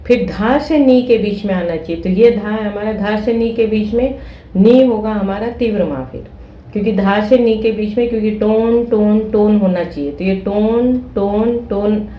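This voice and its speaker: A woman's voice: medium pitch, moderate pace, mellow, reverberant, slight background noise, poor audio. A woman teaching flute who explains patiently, repeating steps and checking that listeners follow. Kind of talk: explaining a music lesson.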